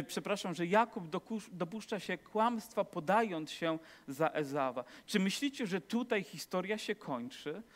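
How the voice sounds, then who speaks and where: Man preaching in a reverberant hall. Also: fairly high pitch. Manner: storytelling with humor and rhetorical questions to the congregation. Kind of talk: sermon. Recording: long reverb of a large hall.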